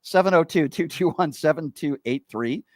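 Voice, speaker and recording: A man hosting a call-in radio show, relaxed and chatty, quick to laugh at himself. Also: fairly high pitch, no echo.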